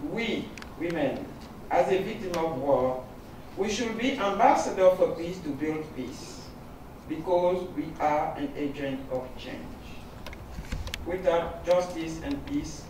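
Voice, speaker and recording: Male panel speaker, declamatory, distant and reverberant with clear background noise. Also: on the high side. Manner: declamatory, rallying. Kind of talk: prepared speech at a forum. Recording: noisy echoey hall from far off.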